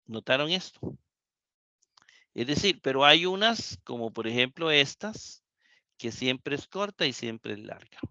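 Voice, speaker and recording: A man's voice: mid-range voice, animated, a little slow, pauses often, bright, forceful tone, dry recording, lo-fi sound. A man teaching Greek in a live class lecture. He repeats the key points and keeps asking the students questions.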